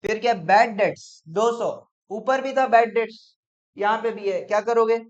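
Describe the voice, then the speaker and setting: A man teaching accounts in a classroom lecture, brisk and coaxing, often checking whether students follow. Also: sits high. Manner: brisk, coaxing, peppered with "theek hai?". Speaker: commerce teacher. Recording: dull lo-fi classroom recording.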